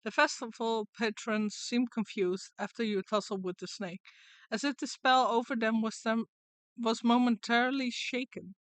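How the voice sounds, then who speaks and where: A woman's voice: fairly high pitch, fairly even intonation, moderate pace, dry recording. A woman streamer giving casual game commentary and reading story narration aloud with dramatic flair.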